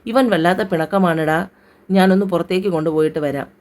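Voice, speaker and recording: Storybook figure: a steady, gentle young dad, voiced by a woman narrator, low and warm. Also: fast talker, lightly acted. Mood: reassuring. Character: young husband and father, calm and reassuring.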